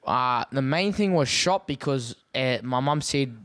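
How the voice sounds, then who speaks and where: A man's voice: mid-range voice, animated, measured pace, a bit bright, dry recording. Man with a broad Kiwi accent, dry recording. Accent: broad Christchurch New Zealand. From Christchurch, New Zealand. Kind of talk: casual chat.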